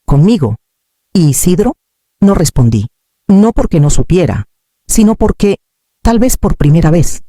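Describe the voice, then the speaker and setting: A man reading a first-person drama story in a calm, measured way. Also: fairly high pitch, no room sound, clean studio sound. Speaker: narrator.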